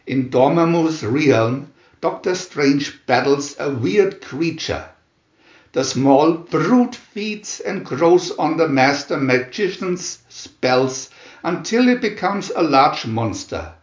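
A slightly high, animated male voice narrates a comic-book tale from a picture booklet, with highs cut off in an echoey room. His dramatic, scripted delivery is theatrical, swooping and measured.

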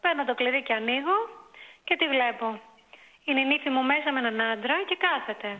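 A woman in her forties calling in to a talk show, telling a long complaint in an exasperated way, full of fillers. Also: high-pitched. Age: 40s. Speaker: caller. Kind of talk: phone-in confession on a talk show. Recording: tinny phone line.

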